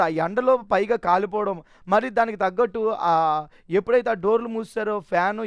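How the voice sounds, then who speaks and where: A man's voice: high-pitched, clear, resonant tone, no room sound, clean studio sound. A man giving a personal testimony in an earnest, emotional way, often restarting his sentences.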